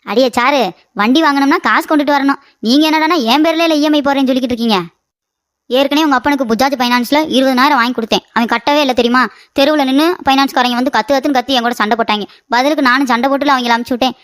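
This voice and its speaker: Woman playing a cartoon mother-in-law, older, high voice, rapid, sarcastic, dry close mic. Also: no room sound, close to an everyday voice. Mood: scolding. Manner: scolding, quick and sarcastic. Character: bickering sharp-tongued older mother-in-law. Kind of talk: cartoon comedy voice acting.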